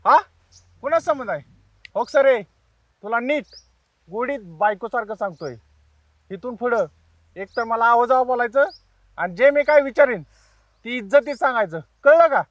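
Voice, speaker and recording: A man's voice: sits high, lively intonation, moderate pace, pauses often, dry recording. An actor playing a pushy, leering village man who taunts and bullies. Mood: bullying. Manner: taunting, bullying. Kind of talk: web series acting.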